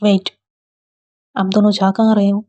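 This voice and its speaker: A woman's voice: medium pitch, little pitch movement, measured pace, mellow, muffled recording, lightly acted. A woman voicing a pouty young college woman who pleads and sulks in a storybook reading. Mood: pleading sulky. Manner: pleading, sulky.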